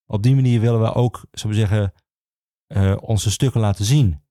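As a guest on an informal podcast interview, a man describes his work as an archivist. His voice is lowish and mellow, and he speaks in halting phrases broken by frequent pauses.

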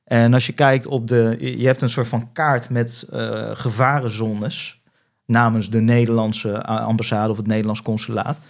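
A man's voice: mid-range voice, level tone, normal speed, creaky. A young man from the Netherlands, a podcast guest, tells a travel story in casual chat and acts out phone calls.

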